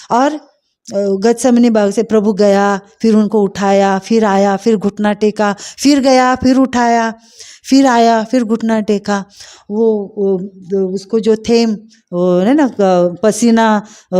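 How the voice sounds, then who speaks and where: A middle-aged woman telling a personal faith testimony, heartfelt and hesitant, pausing often with fillers. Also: a little high, warm tone. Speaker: testimony speaker.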